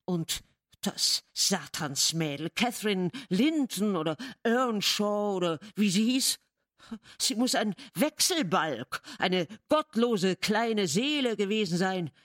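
A woman voicing a nervous, wordy gentleman guest who speaks in an agitated, hurried way. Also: medium pitch, lively intonation, dry recording, studio quality.

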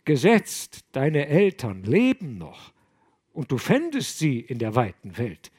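A man voicing a gentle, kindly old abbot who speaks in a soft, low, soothing voice. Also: wildly swooping pitch, takes it slowly, slightly rough, no room sound, studio quality, full character voice. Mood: earnest.

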